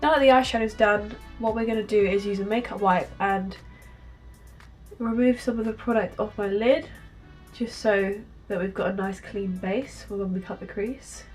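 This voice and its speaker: A woman's voice: medium pitch, steady tone, moderate pace, darkish tone, faint music behind. A young woman with a blocked, nasal voice from a cold, chatting casually through a makeup tutorial with frequent ums. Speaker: beauty vlogger.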